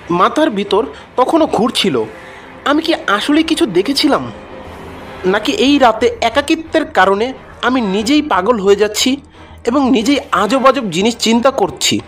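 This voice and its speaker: Against background music, a man with a very high, sing-song, slightly bright voice tells a first-person horror story at an unhurried pace with long pauses. He plays a frightened, weary ambulance driver, and the delivery is suspenseful and dramatic.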